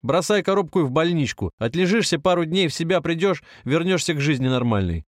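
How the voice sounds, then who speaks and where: A man's voice: fairly high pitch, expressive, fast talker, dry recording, studio quality, voice pushed up, natural voice. A man voicing an irritated, dismissive stranger who is secretly a sinister tempter. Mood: coaxing. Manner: irritated, scornful, curt.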